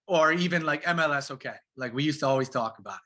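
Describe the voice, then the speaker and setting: Bright-voiced man chatting casually. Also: fairly high pitch, fast. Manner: animated, slangy, says bro and man often. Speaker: pro soccer player guest. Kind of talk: casual interview chat.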